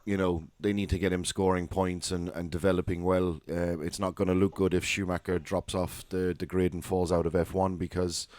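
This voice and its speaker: Low, flat-voiced podcast co-host. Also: male voice, brisk, hardly any pauses, dry recording. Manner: hesitant, repeats words while thinking aloud. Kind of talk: casual motorsport discussion.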